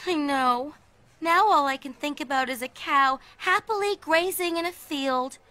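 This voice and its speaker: A woman voicing an earnest, excitable teenage girl in a cartoon. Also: sits high, unhurried.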